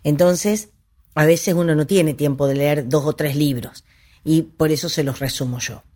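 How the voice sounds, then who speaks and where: A woman's voice: low-pitched, moderate pace, warm tone. A woman giving an informal history talk, conversational and digressive, with restarts and asides. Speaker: history presenter.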